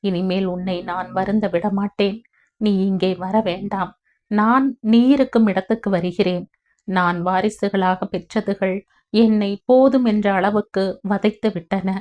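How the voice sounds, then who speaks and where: Older mother figure, tearful and pleading, read by a woman narrator, lifted pitch, slightly muffled audio. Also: fairly even intonation, a little slow, lightly acted. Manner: tearful, pleading, breathless rush of words. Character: ailing elderly mother-in-law, pleading and tearful.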